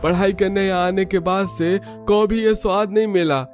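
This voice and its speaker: A man's voice: high voice, fairly even intonation, normal speed, close to an everyday voice. A man voicing a polite young Bengali student in a cartoon story, speaking Hindi with a Bengali accent. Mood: eager, admiring. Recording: music under the voice.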